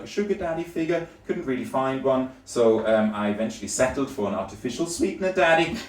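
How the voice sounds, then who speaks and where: A man's voice: medium pitch, a little hiss or hum. A young man with a slight German accent doing a stand-up comedy set, chatty and laughing at his own jokes, often tagging lines with "right?". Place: comedy venue. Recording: roomy venue, mic picked up from a distance.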